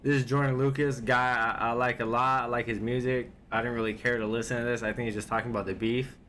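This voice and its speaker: A man's voice: mid-range voice, flat delivery, fast talker, a bit bright, slight background noise. A man at home giving casual, rambling reaction commentary on videos, loose and laid-back, with lots of filler words.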